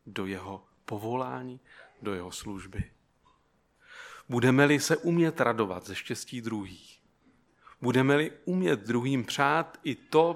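A man's voice: medium pitch, a little mellow. A man preaching a sermon who keeps asking the listeners rhetorical questions and tells them an illustrative story.

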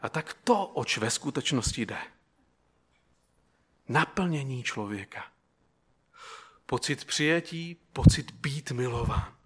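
A man's voice: mid-range voice, animated, long pauses, fairly bright tone, husky. A man preaching a sermon who keeps asking the listeners rhetorical questions and tells them an illustrative story.

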